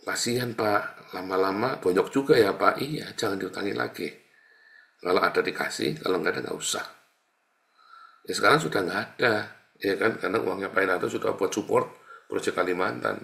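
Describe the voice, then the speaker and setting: A middle-aged male pastor delivering a casual sermon with a gravelly, fry-tinged voice and a bright, forceful tone. He moves between soft, musing asides and sudden loud scolding of his listeners. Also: low-pitched, a little fast, long pauses.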